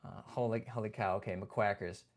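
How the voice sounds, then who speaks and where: A young livestream host with a lowish, steady voice talks briskly in a casual chat. He reads out viewer comments and greets people by name, staying laid-back and chatty and repeatedly saying "man" and "dude."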